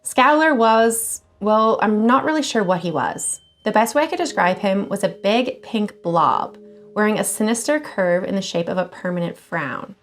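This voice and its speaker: A woman hosting a channel where she reads scary online stories aloud, expressive and casual, swearing now and then. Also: mid-range voice, normal speed. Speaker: horror story channel host.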